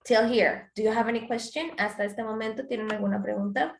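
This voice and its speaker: A woman's voice: a little high, fairly even intonation, a little fast. Echoey woman English teacher. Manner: explains grammar step by step, switching between Spanish and English examples. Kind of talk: online class lesson. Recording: roomy echo.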